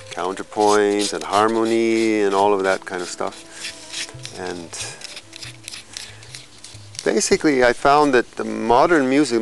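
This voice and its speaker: A man in his fifties from California, a musician telling his life story in a slow, reflective documentary interview, pausing and restarting as he thinks. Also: fairly low pitch, low-quality recording. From California, USA. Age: 50s. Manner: slow, thoughtful, with pauses and small restarts.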